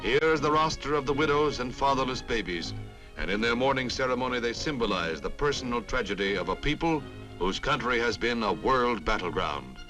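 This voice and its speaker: Animated and brisk, a man in a mid-range voice narrates like a 1950s newsreel, dramatic and declamatory, tossing in wry quips. The poor audio is old newsreel sound from a film soundtrack, set against music.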